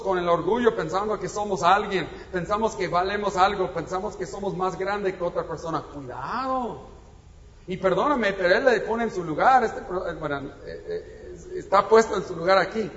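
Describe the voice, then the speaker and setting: A man's voice: sits high, moderate pace, a bit bright. A man preaching a sermon in a conversational way, now and then rising to emphatic exclamations. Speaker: pastor. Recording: echoey hall, dull lo-fi sound, faint noise.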